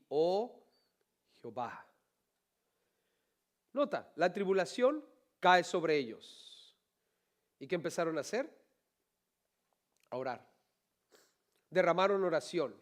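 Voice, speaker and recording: A man preaching a sermon as pastor, animated, asking the congregation rhetorical questions and adding playful humorous asides. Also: a little high.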